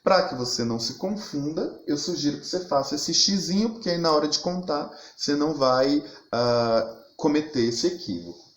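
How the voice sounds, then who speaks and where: A man's voice: fairly high pitch, animated, normal speed, echoey room. A man teaching a recorded video lesson, explaining step by step and often restarting his phrases.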